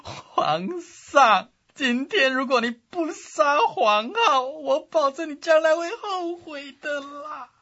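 A man's voice: high voice, big pitch swings, bright, forceful tone, husky, highs cut off, pitched above the performer's own voice, exaggerated voice. A man voicing a stubborn, loyal male general who pleads fiercely and drags out his words. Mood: pleading. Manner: fiery pleading with drawn-out words.

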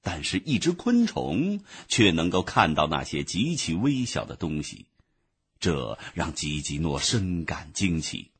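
Male storyteller with a husky voice and a very lively, sing-song delivery. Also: sits low, unhurried. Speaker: narrator. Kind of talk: storybook narration.

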